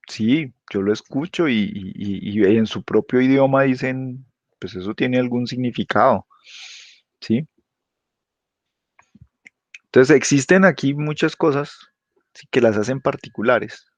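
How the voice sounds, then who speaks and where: A man's voice: medium pitch, no echo. Male teacher, dull dry audio. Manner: checks understanding constantly with quick tag questions. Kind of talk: explanatory class lecture.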